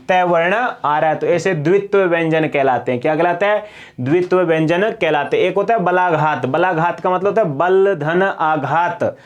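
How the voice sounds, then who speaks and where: High-voiced man teaching grammar. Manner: quizzes listeners with rhetorical questions and answers them himself. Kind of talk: exam-prep grammar lesson.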